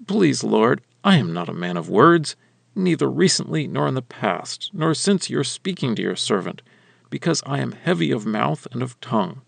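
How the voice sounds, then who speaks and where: A man's voice: medium pitch, very animated, moderate pace, vocal fry, no room sound, exaggerated voice. A man voicing a reluctant male prophet who pleads and hesitates. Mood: pleading.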